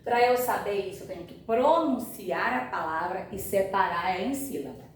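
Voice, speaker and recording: A woman's voice: medium pitch, animated, normal speed. A woman teaching a grammar lesson, explaining patiently and often checking that her students follow. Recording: echoey room, far from mic, faint noise.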